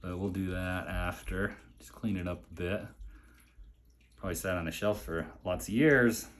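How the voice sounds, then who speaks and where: A man's voice: low voice, steady tone, moderate pace, slight background noise. A man casually unboxing and admiring a collection, chatting along and talking to his pet between items. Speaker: collector showing a mail delivery.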